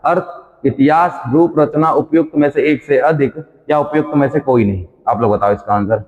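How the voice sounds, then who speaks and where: A man's voice: mid-range voice, moderate pace. A male coaching teacher running a quiz-style exam revision lesson, reading each question and its options aloud, repeating them, then giving the answer. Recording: dull sound with long reverb.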